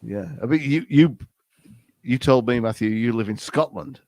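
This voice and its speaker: A man's voice: medium pitch, normal speed, darkish tone, dry recording. A man hosting a podcast, talking in a casual, rambling way with lots of restarts and hesitations. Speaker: podcast host. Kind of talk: casual chat.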